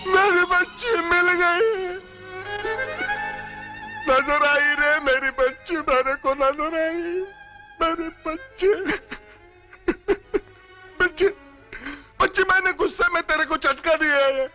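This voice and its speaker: An actor playing a grieving mill worker turned outlaw, shouting and sobbing in anguish in a Hindi film melodrama. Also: male voice, very high voice, takes it slowly, long pauses, highs cut off, faint music behind, heavily acted. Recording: film score behind voice.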